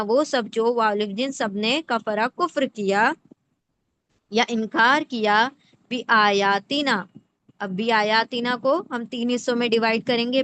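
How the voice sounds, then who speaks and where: Female teacher voice, slightly high pitch, spells out word parts slowly with frequent check-ins, light background hiss. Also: a bit bright. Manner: checks in often with rhetorical questions; breaks words into parts slowly. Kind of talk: explanatory lesson.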